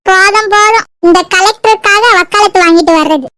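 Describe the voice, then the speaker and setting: A woman doing a shrill, scolding mother. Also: pushed and bright, no echo, studio quality. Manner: nagging, quick scolding retorts. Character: sharp-tongued scolding village mother, middle-aged. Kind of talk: cartoon comedy voice acting.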